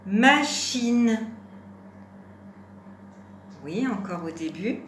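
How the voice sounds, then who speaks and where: A woman teaching young children a phonics lesson at home, patiently stretching out words to sound each syllable and gently encouraging. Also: mid-range voice, measured pace, roomy sound, a little hiss or hum.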